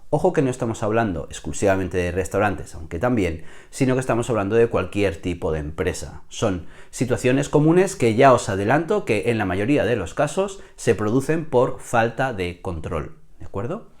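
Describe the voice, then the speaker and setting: Man, hoarse, fairly low voice, business consultant, explanatory talk to camera. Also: expressive, moderate pace, few pauses, a little mellow. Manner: checks in with the viewer often.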